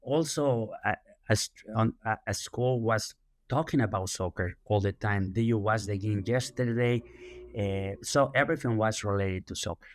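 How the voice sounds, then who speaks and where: A man from Spain with a Spanish accent, a youth soccer director answering interview questions in a measured way with many fillers. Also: fairly low pitch, dry recording, clean studio sound.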